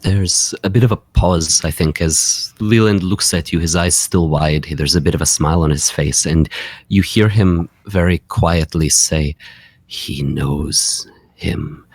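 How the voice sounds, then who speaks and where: A man's voice: deep voice, normal speed, darkish tone, dry recording. A man narrating his character in a tabletop game, hesitant and full of fillers. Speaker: player. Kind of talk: tabletop role-play narration.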